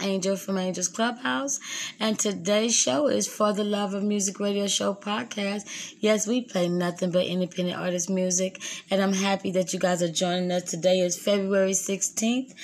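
A woman hosts a music radio show at an ordinary pitch for her voice. She talks in a chatty, upbeat way, speeding up at times as she introduces the next songs. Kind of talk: casual radio hosting.

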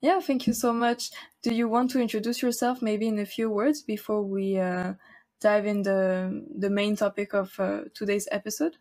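A woman's voice: mid-range voice, little pitch movement, moderate pace, a little mellow. A woman hosts a podcast interview in a friendly, conversational way. She hesitates now and then, repeating words and leaning on fillers as she frames her questions. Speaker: podcast host.

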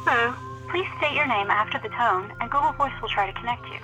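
A woman's voice: on the high side, quick pace, loud music behind the voice. A woman's automated call-routing prompt, heard through a phone on speaker. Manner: even, scripted prompt delivery. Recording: distant, tinny phone speaker.

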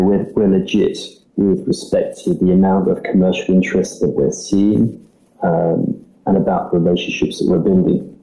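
A man with a mixed British-Australian accent explaining things conversationally as a startup representative, measured, hesitant and diplomatic. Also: low-pitched, dark tone, poor audio.

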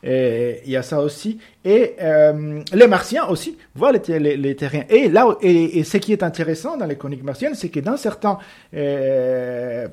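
A man's voice: on the high side, big pitch swings, normal speed, mellow. A man presenting books in a casual, hesitant way, often searching for his words. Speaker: book presenter. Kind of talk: casual book recommendation.

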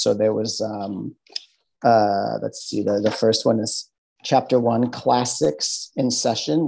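A man's voice: mid-range voice, creaky, a little mellow, slight background noise, low-quality recording. A man with a Midwestern American accent, a podcast guest talking in a loose, rambling way with lots of fillers and restarts. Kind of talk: casual interview chat.

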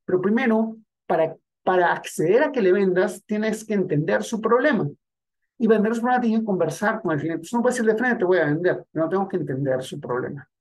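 Husky-voiced man coaching sales. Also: high-pitched, expressive, fairly quick. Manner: direct, conversational, addresses the listener. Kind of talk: instructional monologue.

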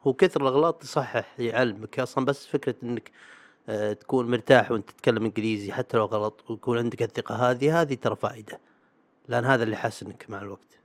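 A man's voice: medium pitch, racing. A young man, talking casually and sarcastically as a host, packing his speech with fillers. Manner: animated and sarcastic, acts out other people's voices; frequent fillers and restarts. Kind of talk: casual monologue.

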